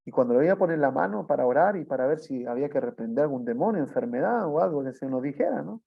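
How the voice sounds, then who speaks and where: Gravelly preacher telling a testimony. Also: male voice, a little high, expressive, quick pace. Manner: storytelling with frequent tag questions. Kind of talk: sermon testimony. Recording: dull lo-fi sound.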